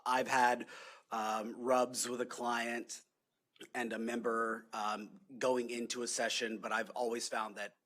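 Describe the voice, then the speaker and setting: A man's voice: medium pitch, level tone, a little slow, a bit bright. A man speaking as a lobbyist in a council meeting, answering questions politely with many fillers and "yes, sir". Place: city council chamber.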